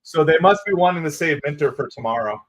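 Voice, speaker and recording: A man with a New Jersey accent calls a ballgame live for his fan stream from a home green-screen setup. His voice sits a little high, and he jumps between play-by-play and thanking viewers by name. His delivery is casual and excitable. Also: fast talker. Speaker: livestream host.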